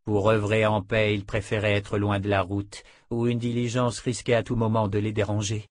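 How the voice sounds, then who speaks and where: A man reading a novel aloud in a steady, measured narration. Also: fairly low pitch, dry recording, studio quality. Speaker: audiobook narrator. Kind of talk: scripted narration.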